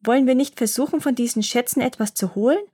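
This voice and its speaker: A woman's voice: fast, close to an everyday voice. A woman voicing a curious little boy gnome while reading a fairy tale aloud, asking eager questions. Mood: delighted. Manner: excited, questioning, high and bright. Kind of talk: storybook reading.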